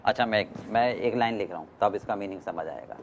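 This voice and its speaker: A man's voice: fairly low pitch, fast talker, muffled recording, a little hiss or hum. A man teaching a class, mixing Hindi and English, often stopping to question his students. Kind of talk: classroom lecture.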